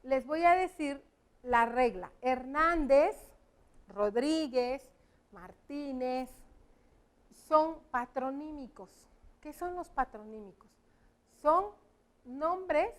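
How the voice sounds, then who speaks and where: A woman teaches young pupils. Her voice sits high and she talks at a slow, deliberate pace. She explains each point patiently and clearly. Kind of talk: classroom lesson for children.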